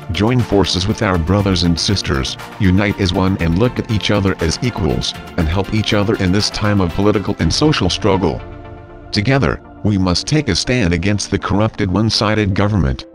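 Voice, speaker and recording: A man reads a scripted political message as narrator, in a solemn, measured way. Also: low voice. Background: music.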